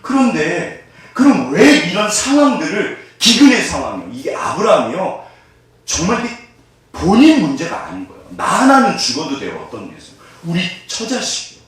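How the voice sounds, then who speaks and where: A man preaches in a lively voice that climbs high and drops low, keeping the congregation engaged with frequent questions. His voice sits a little higher than most men's. The sound is distant and echoey, picked up from across a reverberant church. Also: moderate pace. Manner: animated, asks the congregation questions. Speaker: pastor. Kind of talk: sermon. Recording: echoey room from far off.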